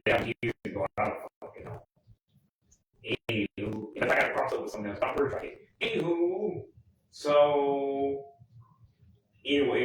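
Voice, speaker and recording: A man rambling in a casual monologue, often correcting himself and filling pauses. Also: mid-range voice, a bit bright, slight background noise. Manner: rambling, self-correcting, many fillers. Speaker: music vlogger. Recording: echoey room, mic far off.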